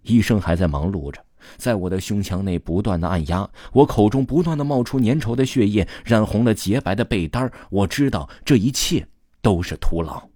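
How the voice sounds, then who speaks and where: A man's voice: fairly low pitch, animated, brisk, warm tone, no room sound, studio quality. A man narrating a first-person story as an audiobook reader, in a sorrowful storytelling delivery with frequent erhua endings.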